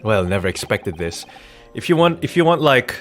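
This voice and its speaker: Very animated and medium-pitched, a man livestreaming a game talks at normal speed in a rambling, joking, irreverent way with casual swearing. He's using a Rode NT1-A studio condenser mic, and background music is audible.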